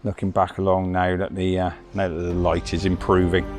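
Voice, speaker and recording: A landscape photographer narrating his outing in a rambling, halting way, talking outdoors on a beach and up on coastal cliffs. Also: deep voice, completely flat delivery, loud music behind the voice. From United Kingdom. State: out of breath. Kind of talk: casual vlog narration.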